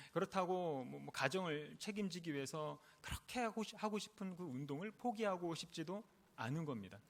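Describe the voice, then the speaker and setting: A man, a pastor, preaching a sermon with earnest storytelling and rising, emphatic stresses. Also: on the high side. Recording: long reverb of a large hall.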